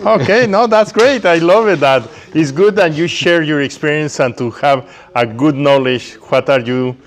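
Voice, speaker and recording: At a live event in a community tech workspace, a man hosts a casual interview, encouraging his guest. English is his second language, and he speaks at a normal speed in a fairly high voice.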